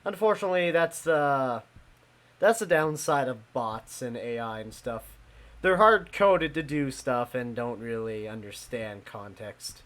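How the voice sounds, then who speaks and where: A man's voice: mid-range voice, a bit bright. A young man streaming a ghost-hunting game live, chatting casually with his viewers and laughing easily. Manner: chatty, talks to chat, quick laughs.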